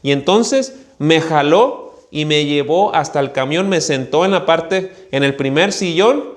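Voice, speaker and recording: A Mexican man preaching a sermon, telling a childhood story in an animated way and acting out the voices of the people in it. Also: a little high, unhurried. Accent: Mexican Spanish. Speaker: pastor.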